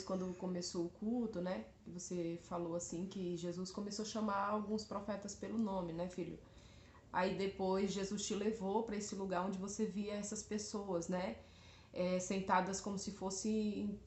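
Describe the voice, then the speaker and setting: A woman's voice: medium pitch, little pitch movement, moderate pace, a little mellow, a little hiss or hum. A Brazilian woman in her thirties giving a church testimony as a mother, speaking hesitantly and often appealing to her listeners. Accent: Brazilian Portuguese. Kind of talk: church testimony addressed to the congregation. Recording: roomy echo.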